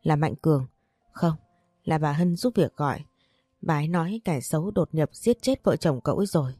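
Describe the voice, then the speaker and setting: A woman's voice: sits low, moderate pace, warm tone, no echo, faint music behind. A woman voicing a shaken young husband. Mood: grave.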